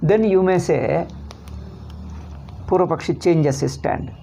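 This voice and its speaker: A man's voice: fairly high pitch, slow pace, vocal fry, mellow, slight background noise. A man with a South Indian accent teaching a scripture lesson online in a didactic, question-and-answer manner. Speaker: teacher of Sanskrit philosophy.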